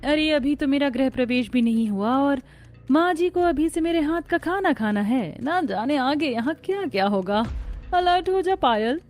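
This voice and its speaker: Woman voicing a young bride, cartoon, sly, scheming, slightly high voice. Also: lively intonation, normal speed, darkish tone, faint music behind. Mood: wary. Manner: sly asides to herself. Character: scheming young bride who can't cook. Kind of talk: animated family drama voice acting.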